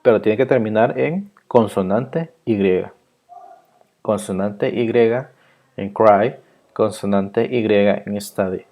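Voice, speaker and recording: A man teaching an English grammar lesson, explaining rules patiently and repeating each example slowly. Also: lowish voice, darkish tone.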